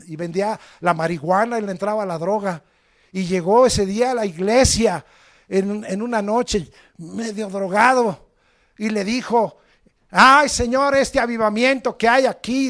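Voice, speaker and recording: High-voiced preacher, fiery storytelling. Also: male voice. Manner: dramatic storytelling, acts out voices, shouts at climaxes. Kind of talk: sermon.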